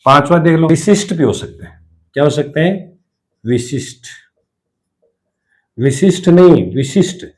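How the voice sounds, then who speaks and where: Guy with rajasthani hindi accent teaching spelling, bit high voice, keeps repeating words and quizzing himself. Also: expressive, normal speed. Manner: repeats each word, asks and answers himself. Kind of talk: spelling lesson at a board.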